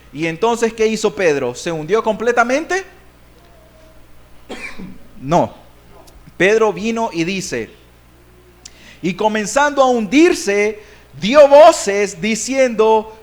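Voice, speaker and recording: A man from Nicaragua preaching a sermon as pastor, swinging between loud and soft delivery and drawing out key words slowly for emphasis. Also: high-pitched.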